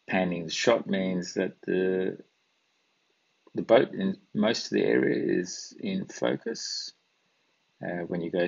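A man hosting a photography channel, walking through his photo edits on screen in a relaxed, thinking-aloud way, with plenty of fillers. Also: deep voice, gravelly, husky. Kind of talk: casual screen-share walkthrough. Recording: dull lo-fi recording.

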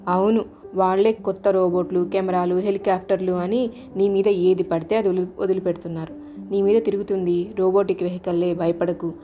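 A woman's voice: on the low side, little pitch movement, fairly quick, warm tone, dull audio, a little hiss or hum, natural voice. A woman voicing the Sun as a stern, commanding male king of the planets in a storybook tale.

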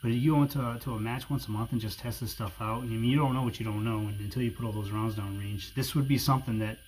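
A man's voice: mid-range voice, fast talker, rough recording. A man with a New England accent giving a casual, informal, conversational product review to viewers as a video host. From New England, USA. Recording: steady background noise.

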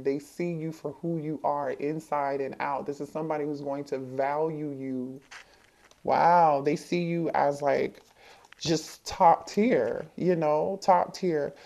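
This tarot reader has a deep voice and a dark tone. She does a casual reading for viewers, thinking aloud, putting questions to the cards and repeating herself along the way.

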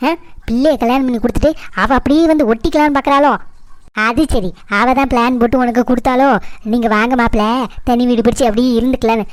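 A woman's voice: fairly high pitch, steady tone, fast, no room sound, lightly acted. Woman voicing a scheming mother-in-law. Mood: scornful. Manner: wailing pleas mixed with bitter scolding. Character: scheming middle-aged village mother-in-law, manipulative.

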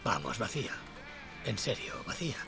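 Pushy drinking buddy, coaxing, animated, dubbed game dialogue. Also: male voice, on the low side, moderate pace, creaky, over loud music.

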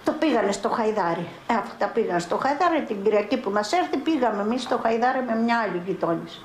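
An older woman from Greece giving spoken testimony as a mother in a documentary, telling her story in halting, broken-off phrases. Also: a little high, expressive, slight background noise. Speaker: mother recounting her son's arrest. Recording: roomy archival 1982 film sound.

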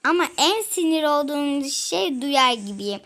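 A woman's voice: high voice, lively intonation, normal speed, a bit bright, poor audio. A young girl chatting casually to her viewers while she plays a game, giggly and talkative. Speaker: gaming vlogger.

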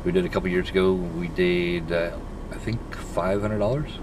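A man's voice: low voice, fairly even intonation, moderate pace. A man in his thirties, a vlogger chatting casually and teasing from a parked car, picked up by a dashboard camera. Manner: joking, teasing. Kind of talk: casual chat. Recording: noisy car interior.

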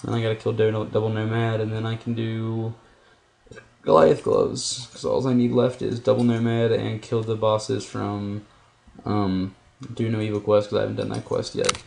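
Gravelly-voiced young man telling a story. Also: on the low side, monotone, normal speed, darkish tone, a little hiss or hum. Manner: rambling, profane, laid-back. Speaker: gaming vlogger. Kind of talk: casual storytelling while playing a game.

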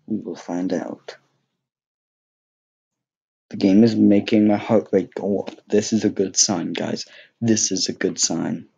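A man's voice: low voice, fairly even intonation, takes it slowly, gravelly, pauses often, warm tone, slightly rough, dull audio. A young man giving casual, joking gameplay commentary, rambling with many fillers and mocking himself. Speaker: gaming YouTuber.

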